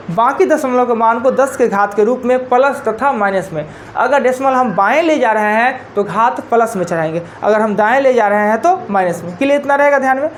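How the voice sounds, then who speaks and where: Speaking a little high over faint hiss or hum, a woman teacher with a Bihari Hindi accent delivers a live classroom lecture. She goes step by step, counts digits out loud, and repeats her main points.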